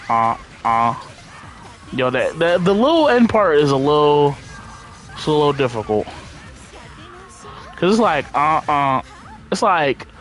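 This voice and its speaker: Laid-back, slangy man over music. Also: mid-range voice. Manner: rambling, thinking out loud while playing. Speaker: game streamer. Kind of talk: casual gameplay commentary.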